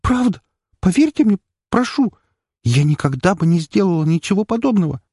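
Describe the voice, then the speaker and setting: A man's voice: sits high, big pitch swings, normal speed, dark tone, slightly rough, no room sound, studio quality, voice pushed up, full character voice. A man reading an audiobook, voicing a terrified young woman who pleads and sobs in panic. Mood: panicked pleading. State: sobbing, panicked. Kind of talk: audiobook character voice.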